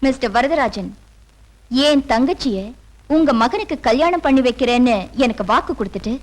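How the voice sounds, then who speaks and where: A woman's voice: high-pitched, lively intonation, normal speed, rough recording. An actress playing a defiant woman who accuses a powerful man and vows to write about her past, in dubbed film dialogue. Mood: accusing. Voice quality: defiant, sharp. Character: defiant woman writing her memoir, bitter.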